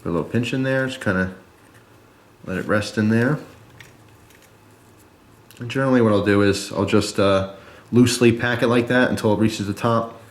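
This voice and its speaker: Guy with a real low voice doing a laid out step by step review, folksy and chatty, roomy echo. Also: moderate pace, pauses often. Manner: informal, folksy, explains step by step. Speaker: product reviewer and video host. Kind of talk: casual chat to viewers while demonstrating.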